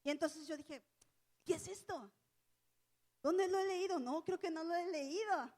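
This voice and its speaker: A woman teaches a church lesson in a loose, conversational way. Her voice sits very high, and she weaves a personal story through it with colloquial asides. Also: moderate pace, darkish tone.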